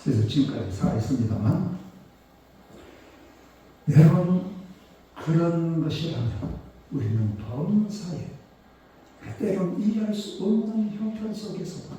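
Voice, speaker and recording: High, lively-voiced preacher in an echoey church. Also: male voice, unhurried, pauses often, slight background noise. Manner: emotional storytelling preacher, swinging from hushed to exclaiming. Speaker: pastor. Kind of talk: sermon. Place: church sanctuary. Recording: echoey church hall, mic at a distance.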